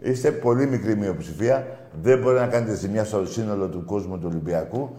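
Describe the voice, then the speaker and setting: Low, mellow-voiced man joking with callers. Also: roomy sound. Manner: mocking, excitable storyteller who teases callers. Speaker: call-in show host. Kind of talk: casual joking radio chat.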